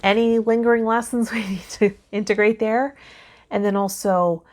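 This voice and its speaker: A tarot vlog host and healer offers spiritual guidance straight to her viewers, partly reading aloud and partly chatting casually. Her mid-range voice is darkish, fairly even in intonation, and at normal speed.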